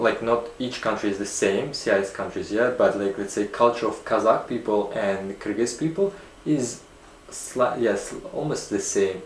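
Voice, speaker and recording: A man's voice: on the low side, slight background noise. A young man from Uzbekistan answering interview questions hesitantly, with many fillers and restarts. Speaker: guest. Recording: echoey room.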